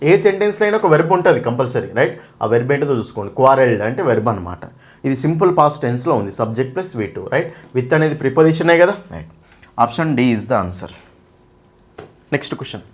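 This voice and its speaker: A man's voice: medium pitch, very animated, very fast. A man teaching an English grammar class for exam preparation, asking questions and answering them himself. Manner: asks questions and answers them himself, frequent "okay?" and "right?"; addresses students fondly as "nanna". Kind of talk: exam-prep grammar lesson.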